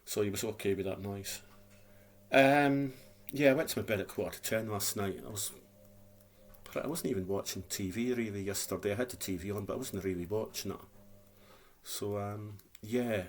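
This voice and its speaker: A man's voice: on the low side, normal speed, slight background noise. Scottish man who says w for r. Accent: Scottish, Dundee. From Scotland. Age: 50s. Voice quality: speech impediment, says w for r. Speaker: vlogger. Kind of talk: casual rambling chat.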